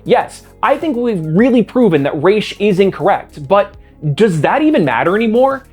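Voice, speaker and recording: A man's voice: sits high, very animated, normal speed, darkish tone, husky, faint music behind. An American man hosting a scripted video essay with a sarcastic, self-mocking know-it-all manner. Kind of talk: scripted commentary.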